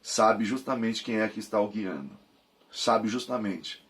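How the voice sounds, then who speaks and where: A man's voice: on the low side, a little slow, a bit bright. A man in his thirties with a Brazilian Portuguese accent teaching a Bible course, fervent and repeating phrases for emphasis. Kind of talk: preaching Bible lesson.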